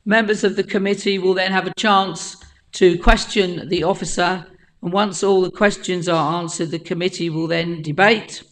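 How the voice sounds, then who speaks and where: A woman with a croaky voice chairing a council planning committee, politely reading out procedures and names. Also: on the low side, steady tone, normal speed, poor audio. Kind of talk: formal meeting procedure. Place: council chamber.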